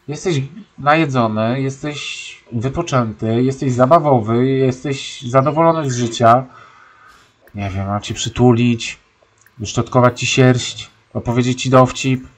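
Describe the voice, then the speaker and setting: A man's voice: mid-range voice, a little slow. A young man giving casual, sarcastic commentary while playing a life-simulation game, scolding his stubborn horse. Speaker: let's-play gamer.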